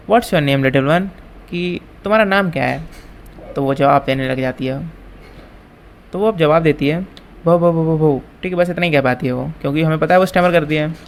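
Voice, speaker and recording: A man with a fairly high voice and an Indian English accent teaches a school chapter. He reads each textbook line slowly, then bursts into a quick explanation in mixed languages. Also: a little hiss or hum.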